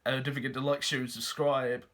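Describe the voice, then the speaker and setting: Male football fan vlogger, bright forward voice, earnest and slightly halting in an off-the-cuff match review. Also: mid-range voice, level tone. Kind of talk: unscripted match review to viewers.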